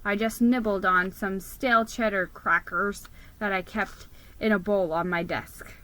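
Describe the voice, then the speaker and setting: Taking on the role of a mouse storyteller, a woman with a mid-range voice reads a children's story aloud in the first person, with deliberate and expressive drama. The recording quality is rough.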